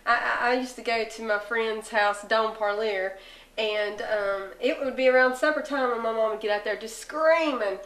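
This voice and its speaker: A woman's voice: fairly high pitch, moderate pace, fairly bright tone. A woman with a Southern American accent co-hosts a casual chat in a folksy, plain-spoken manner. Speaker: talk show co-host. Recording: roomy echo.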